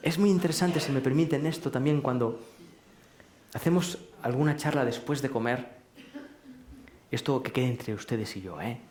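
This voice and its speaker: A man giving a live talk to an audience in a large hall, speaking in a questioning, rhetorical way and gently teasing his listeners. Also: mid-range voice, slow, long pauses. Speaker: speaker at a public lecture. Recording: roomy hall echo.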